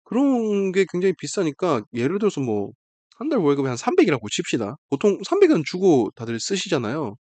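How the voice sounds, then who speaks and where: A man hosting a manga review, casually retelling the plot with animated storytelling and acted-out quotes. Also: fairly high pitch, fairly quick, no room sound.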